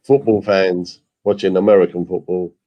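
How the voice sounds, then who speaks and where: A man's voice: deep voice, little pitch movement, normal speed, muffled recording. A man from England co-hosting a casual football watchalong, joking and calling the play. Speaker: co-host.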